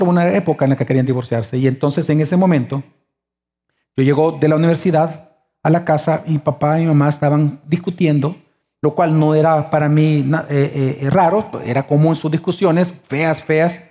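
A man's voice: on the high side, a little fast, dark tone. A pastor in his forties preaching a sermon, emphatic and full of rhetorical questions to the congregation.

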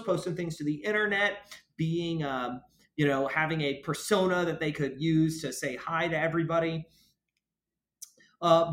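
Halting man in an echoey room. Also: on the high side. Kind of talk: casual discussion of a research paper. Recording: echoey, roomy recording.

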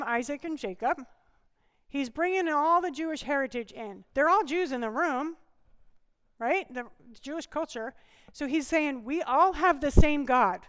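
High-voiced woman preaching a sermon. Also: a bit bright, big-room sound. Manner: conversational, humorous, asks the congregation questions.

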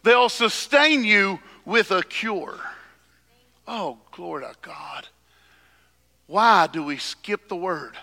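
Male preacher, high bright voice, slow delivery, at a pulpit microphone in a reverberant church hall. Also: expressive, creaky. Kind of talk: sermon.

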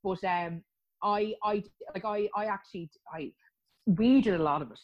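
A woman's voice: medium pitch, normal speed, muffled recording. An Irish woman chatting as an interview guest about her postponed wedding plans, talking freely with frequent laughs and restarts. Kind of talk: casual chat.

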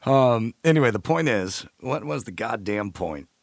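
A man's voice: medium pitch, animated, moderate pace, no room sound, studio quality. A man from California hosting a casual interview, talking in a loose, joking and profane way. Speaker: podcast host.

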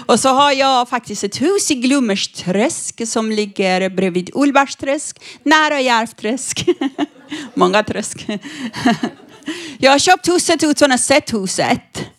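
A middle-aged woman performs stand-up comedy in a cheeky, playful way, laughing often at her own jokes. Her voice sits a little high for a woman. She comes across lively and outspoken. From Iran. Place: stage before a live audience.

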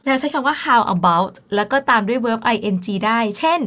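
A woman's voice: on the high side, expressive, normal speed, pushed and bright. A woman co-hosting a radio English lesson, explaining each phrase chattily to listeners with everyday examples. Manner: chatty, gives Thai examples. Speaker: radio co-host.

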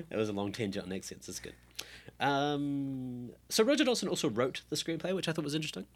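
A man's voice: mid-range voice, lively intonation, a little fast. A man co-hosting a casual film podcast, rambling through tangents and laughing often. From New Zealand. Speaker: podcast co-host.

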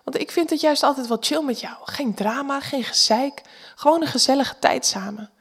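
A woman voicing a laid-back, smooth-talking man with a casual, teasing manner. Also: sits high, normal speed, pitched above the performer's own voice.

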